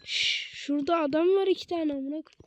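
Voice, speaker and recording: A woman's voice: sits high, brisk, slight background noise. A woman giving casual gameplay commentary as a streamer, swearing constantly in short blunt exclamations and slangy street talk.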